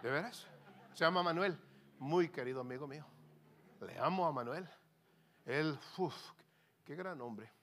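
Animated Mexican preacher, lively bright voice. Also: male voice, fairly high pitch, moderate pace, long pauses, a little hiss or hum. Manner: animated, swings from soft to loud, acts out voices. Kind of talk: lively sermon.

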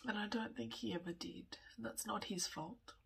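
A woman in her thirties, tearful with a running nose, talking candidly in a personal vlog, often in a breathy whisper and pausing as she goes. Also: medium pitch. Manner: slow, halting, candid, with small laughs. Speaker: vlogger.

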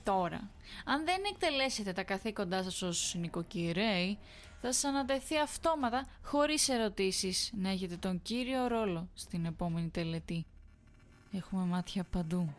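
A woman's voice: medium pitch, expressive, lightly acted. A woman voicing a sinister, sweetly menacing village woman who keeps insisting.

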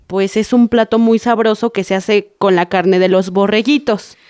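A woman's voice: mid-range voice, fairly even intonation, moderate pace, clean tone, lightly acted. A woman as a stern, patient Mexican mom. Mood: explaining. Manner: scolding, then gently explaining. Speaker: mother explaining a parable.

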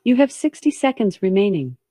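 Recorded lady operator voice on a jail payphone call, mellow, sing-songy, dry, slow prompts. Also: medium pitch, big pitch swings, dry recording. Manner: slow, measured, clearly spaced prompts. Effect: recorded prompt heard over a jail payphone call. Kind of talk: scripted automated announcement.

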